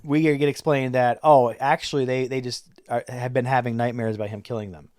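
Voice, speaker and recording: A man co-hosts a podcast and talks through his theories about a film in an analytical, casual way, often restarting his sentences. His voice sits at an ordinary pitch, recorded close with no echo. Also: steady tone, brisk, darkish tone. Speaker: podcast co-host. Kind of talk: casual chat about a movie.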